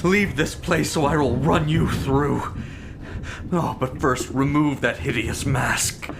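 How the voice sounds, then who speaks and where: Prince Prospero, very slow, proud ruler. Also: male voice, mid-range voice, fairly even intonation, creaky, background noise. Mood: imperious, threatening. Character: Prince Prospero, proud male ruler, defiant then broken. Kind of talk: theatrical gothic audio drama acting. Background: loud dramatic music.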